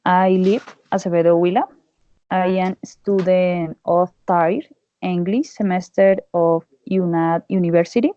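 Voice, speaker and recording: A woman in her twenties, a Spanish speaker and English student, speaking careful, halting English on a video call. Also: lowish voice, steady tone, mellow. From Colombia. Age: 20s. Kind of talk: introduction and answer in class discussion. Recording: muffled video call audio.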